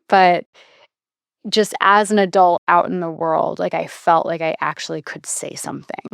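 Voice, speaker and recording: A woman's voice: lowish voice, fairly even intonation, measured pace, vocal fry, dry recording, studio quality. A woman in her thirties hosting a podcast, talking in a reflective, chatty way that often trails off and restarts. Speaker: podcast host. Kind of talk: casual podcast conversation.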